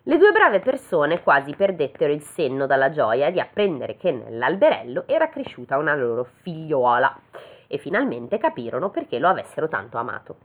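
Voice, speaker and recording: Through tinny, phone-like audio, a woman reads a fairy tale slowly in a deep, very animated voice. She keeps interrupting herself with jokes and chatty asides, keeping it casual.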